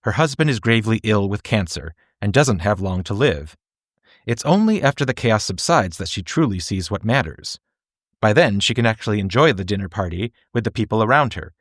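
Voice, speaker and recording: A man with a fairly low voice delivers scripted video-essay narration. His phrasing is polished and measured, with clear articulation. The recording is close and dry, with very little room around the voice. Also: fairly bright tone, dry recording. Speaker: film reviewer and narrator.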